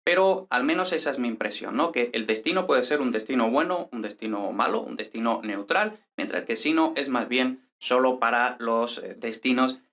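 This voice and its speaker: A man gives a patient grammar lesson, often asking "¿vale?" and reading example sentences slowly with stress. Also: medium pitch, fairly bright tone. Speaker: Spanish grammar teacher.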